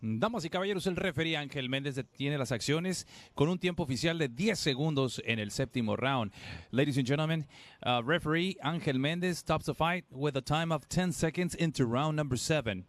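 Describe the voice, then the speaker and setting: A man's voice: a little high, a little fast, no room sound. A man working as a ring announcer in a lucha libre style, formal and bilingual, drawing out names.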